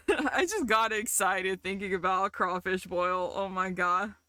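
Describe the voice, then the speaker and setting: A woman from the South, chatting casually with her stream chat, chatty and quick to giggle. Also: mid-range voice, slight background noise. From American South. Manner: giggly, chatty, easily excited.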